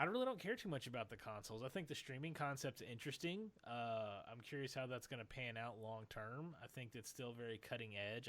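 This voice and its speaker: Man, quick talker, rambling, casual podcast chat. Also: mid-range voice, a bit bright. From Tennessee, USA. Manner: fast, rambling, many restarts. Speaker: podcast co-host.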